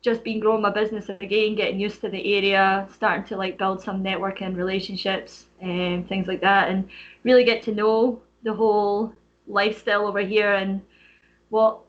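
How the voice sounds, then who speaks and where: A woman's voice: medium pitch, level tone, moderate pace, highs cut off. A woman in her thirties with a Canadian accent, a personal trainer chatting as a podcast guest, filling her talk with "like" and "you know". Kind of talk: casual interview chat.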